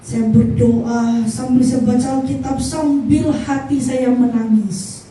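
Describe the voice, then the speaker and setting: A woman giving a halting, earnest personal testimony at a church service, slowing down to stress her words. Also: fairly high pitch, steady tone, dark tone. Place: large echoey church hall. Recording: echoey hall from far off, faint noise.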